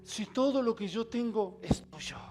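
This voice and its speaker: A male preacher voicing a gentle, loving father who speaks softly and slowly. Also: high voice, animated, over loud music. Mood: tender. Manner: soft, slow, tender.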